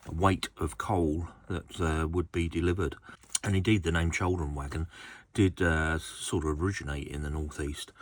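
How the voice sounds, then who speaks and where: Bloke with an essex accent, really low voice, chatting away casually to his channel, bit hesitant. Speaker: host of a model railway channel. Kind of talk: casual unboxing commentary.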